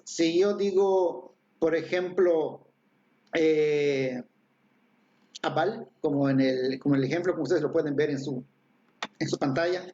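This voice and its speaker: Man teaching a language lesson, fairly high voice, patient, lots of fillers and tag questions, dull lo-fi livestream sound. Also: a little mellow.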